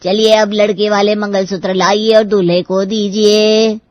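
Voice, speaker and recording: A woman voicing an impatient male wedding priest in a cartoon story, brisk and insistent. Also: medium pitch, level tone, dry recording, lightly acted.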